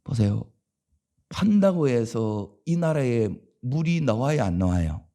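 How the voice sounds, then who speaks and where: A middle-aged man, a senior pastor, preaching a dawn revival sermon, asking the congregation questions and swinging from loud calls to hushed asides. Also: medium pitch, big pitch swings, slow.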